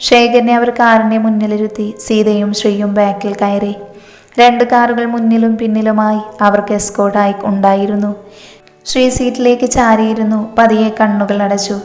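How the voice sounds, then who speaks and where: A woman storyteller narrating a romance story in a steady, even manner. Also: mid-range voice, normal speed. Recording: echoey room, long reverb, faint music.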